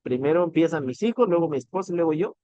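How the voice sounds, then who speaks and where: A man's voice: a little high, lively intonation, fast talker, warm tone, dry recording, lo-fi sound. A man with a Mexican accent giving an earnest motivational talk, addressing the listener directly and swearing casually. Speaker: motivational business speaker.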